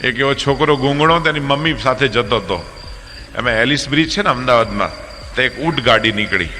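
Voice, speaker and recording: A man's voice: medium pitch, lively intonation, brisk, pushed and bright, long reverb tail, a little hiss or hum. A man with a Gujarati accent, a monk telling humorous stories in a religious discourse, acting out characters with changing voices. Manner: acts out characters with shifting voices. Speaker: monk storyteller.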